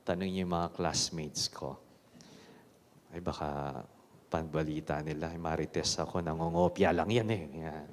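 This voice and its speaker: Filipino priest in his forties, deep and slow, solemn in the reading and wry in the homily, caught in a big church's cathedral echo. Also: steady tone, a little hiss or hum. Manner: measured, solemn proclamation that turns to joking self-mockery in the homily. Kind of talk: proclaiming a gospel reading and preaching a homily. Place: large church. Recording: long echoey church reverb.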